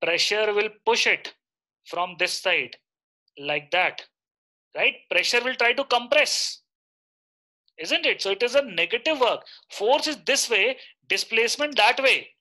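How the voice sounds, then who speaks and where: Bright-voiced Indian-accented male online teacher. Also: high-pitched, expressive, unhurried. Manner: instructive, checks with short repeated questions. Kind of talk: live interactive lecture.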